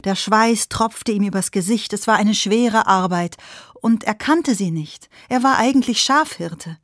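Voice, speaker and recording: A woman storyteller telling a folktale to listeners, with expressive delivery that speaks to them directly. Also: medium pitch, a little slow, dry recording, clean studio sound.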